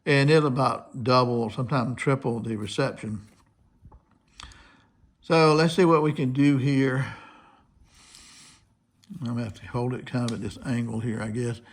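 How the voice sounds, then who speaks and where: Unhurried and pausing often, a man with a mid-range voice narrates his way through a receiver demonstration. He's an American radio hobbyist giving a loose, hands-on tutorial without a script. Shortwave static and a noisy broadcast run behind the recording.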